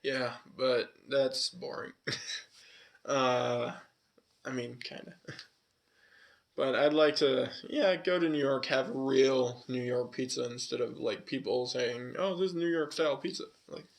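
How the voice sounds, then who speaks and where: Unhurried and gravelly, his medium-pitched voice carries a slight Southwestern tinge over a California base. As a podcast co-host, he keeps the conversation loose and rambling, with frequent fillers and swearing.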